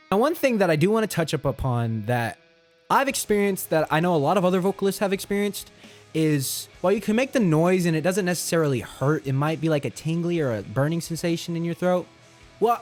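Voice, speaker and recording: A man with a fairly high, very animated voice coaches singers in screaming. He talks informally and encouragingly, as if chatting to viewers. Music plays behind him. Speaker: vocal coach in metal screaming. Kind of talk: casual instructional talk to viewers.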